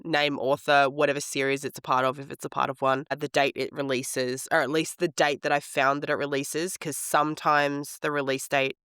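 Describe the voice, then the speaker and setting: Man with a smoker's rasp and a cold. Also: a little high, little pitch movement, normal speed, few pauses, pushed and bright, no room sound, studio quality. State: hoarse from a head cold. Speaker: podcast co-host. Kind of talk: casual chat about books.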